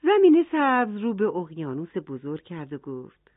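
A woman tells a children's story gently, speaking straight to young listeners. Her voice sits a little low. The recording is thin like a phone line and completely dry. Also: wildly swooping pitch, no echo. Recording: tinny phone-like dry sound.

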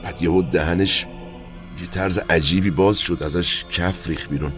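A man narrating his own past in a colloquial, halting way, with asides and trailing fillers, over faint background music. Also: sits low, fairly even intonation, fairly bright tone. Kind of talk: first-person spoken recollection.

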